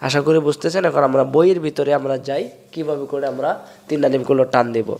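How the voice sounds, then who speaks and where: A man from Bangladesh, teaching Quran reading step by step and drawing out sounds slowly to show them. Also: medium pitch, fairly even intonation, a little mellow. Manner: explains step by step, drawls sounds slowly to demonstrate. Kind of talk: recitation lesson.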